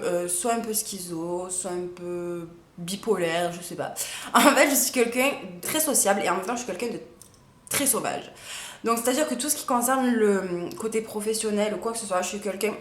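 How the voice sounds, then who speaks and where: A young woman chatting casually to camera as a vlogger, with lots of fillers and hesitations. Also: medium pitch. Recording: echoey room.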